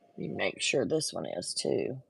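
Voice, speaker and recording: A woman's voice: extremely low pitch, sing-song, unhurried, creaky, a bit bright, slightly rough, no room sound. A woman chatting casually to viewers while she works on a craft project, getting frustrated and talking to herself. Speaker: craft vlogger. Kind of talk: casual chat while working.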